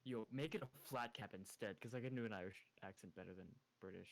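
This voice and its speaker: A man's voice: on the low side, fast talker, creaky. A young man playing a tabletop game, chatting in a jokey, crude way. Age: young adult. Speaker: player. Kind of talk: casual tabletop game chat.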